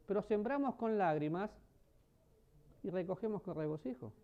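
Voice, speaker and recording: A man preaching a sermon, asking the congregation questions and swinging between loud emphasis and soft, low passages. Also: expressive, normal speed. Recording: dull lo-fi sermon recording.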